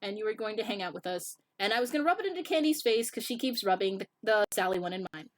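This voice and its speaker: A woman's voice: mid-range voice, lively intonation, fast, no room sound. A playful woman joking with friends on a voice call, giggling often and slipping into silly voices. Her voice is dry and close, with no room sound around it. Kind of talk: casual chat.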